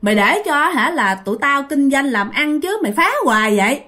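A woman's voice: high voice, lively intonation, moderate pace, pushed and bright. A woman voicing a weary middle-aged male manager who scolds in blunt questions. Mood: scolding.

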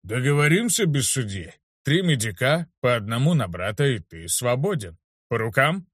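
A man's voice: mid-range voice, moderate pace, fairly bright tone, dry recording, clean studio sound, natural voice. A man voicing a greedy, grumbling town guard captain who angles for a bribe. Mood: wheedling. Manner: gruff, grumbling.

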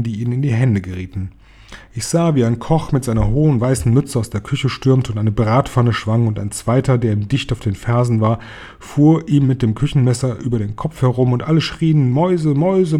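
Man, audiobook narrator, calm storytelling, dark tone, husky. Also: medium pitch. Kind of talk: audiobook reading.

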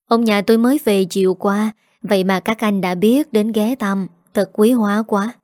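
A woman's voice: mid-range voice, steady tone, moderate pace, a little mellow, no room sound, clean studio sound, close to an everyday voice. A woman voicing a polite, gracious older housewife greeting a visitor.

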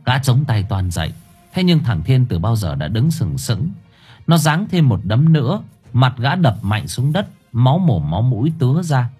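A man narrating an audiobook story in an expressive, dramatic way. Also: medium pitch, moderate pace, husky, soft background music.

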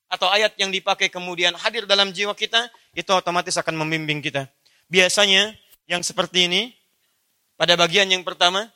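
Man, preacher, religious lecture, high voice, speaks to listeners directly. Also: bright, forceful tone. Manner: addresses listeners directly with rhetorical questions. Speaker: Islamic preacher.

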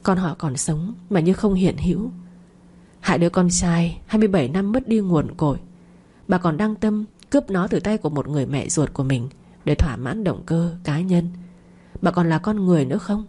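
Husky-voiced woman narrating a somber tale. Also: on the low side, animated, moderate pace, mellow. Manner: dramatic, somber storytelling. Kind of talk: scripted audio story narration.

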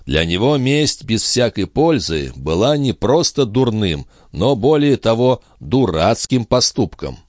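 A man narrating an audiobook with expressive, lively delivery. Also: on the low side, a little slow, hardly any pauses, dry recording, clean studio sound. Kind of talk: scripted narration.

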